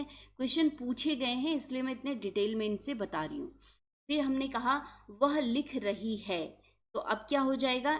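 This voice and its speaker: A woman teaching an exam-prep grammar lesson, asking herself rhetorical questions and stressing key words. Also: a little high. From India.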